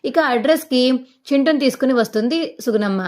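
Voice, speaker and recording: Woman recapping a tv serial, talks super fast, slightly high voice. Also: a little mellow. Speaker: storyteller. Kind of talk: retelling a TV serial episode.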